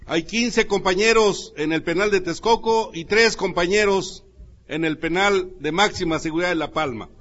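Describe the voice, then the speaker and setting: A man's voice: high-pitched, normal speed, fairly bright tone. A man with a Mexican accent, a guitarist, introduces a song in unscripted, repetitive phrases to a gathering. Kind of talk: spontaneous speech to a gathering. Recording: dull lo-fi live recording.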